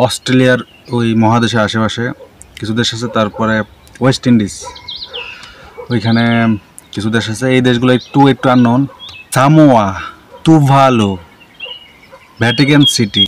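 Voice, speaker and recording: This travel and visa info vlogger speaks on the low side, with a little hiss or hum in the audio. Rambling and full of fillers, he stumbles and self-corrects while rattling off long lists of countries in casual visa talk.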